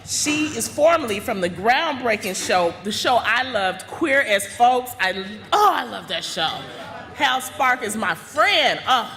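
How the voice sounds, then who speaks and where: Bright-voiced woman presenter in an echoey hall. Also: on the high side, sing-song, unhurried. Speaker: presenter introducing a speaker. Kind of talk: enthusiastic stage introduction. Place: large indoor gala hall. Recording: reverberant hall PA sound.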